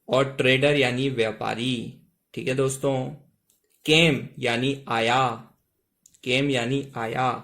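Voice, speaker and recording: A man teaching English reading in Hindi, reading each English line slowly, then explaining it word by word. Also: mid-range voice, a bit bright. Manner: repeats "ठीक है दोस्तों", reads English lines very slowly.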